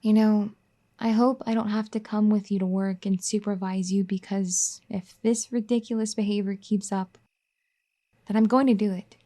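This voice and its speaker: A woman acts out a caring young wife who is firm and a little bossy, in an ASMR roleplay style. She's soft-spoken and gently scolding, with a mellow, dark voice at an ordinary middle pitch. Her tone is steady, her pace moderate, and her voice natural.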